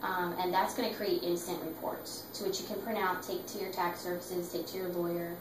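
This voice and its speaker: Female sales rep, lowish voice, making a practice sales pitch in a noisy, roomy space. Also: level tone, a little fast. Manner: sales pitch, explaining and persuading. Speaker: sales representative in a practice role play. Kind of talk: semi-rehearsed sales pitch with a client. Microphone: distant microphone. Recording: roomy echo, distant mic, clear background noise.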